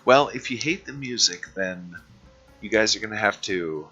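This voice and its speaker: A low-pitched man with a bright, lively voice runs a tabletop game, teasing his players and pinning down the wording of their questions. The stream audio is dull and lo-fi, with faint music underneath. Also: normal speed, breathy edge. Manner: teasing, laughs often, insists on exact wording. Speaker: game master.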